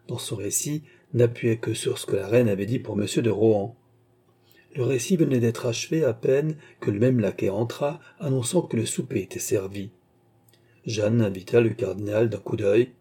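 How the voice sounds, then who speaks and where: A man reading a classic French novel aloud as an audiobook narrator, in a measured, declamatory manner. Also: on the low side, warm tone, husky. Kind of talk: scripted literary narration.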